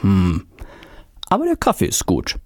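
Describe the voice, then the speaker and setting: A man's voice: deep voice, wildly swooping pitch, a little slow, pitched below the performer's own voice, full character voice. A man voicing a poor, eccentric old male inventor who grumbles and hums while reading a novel aloud. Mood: content.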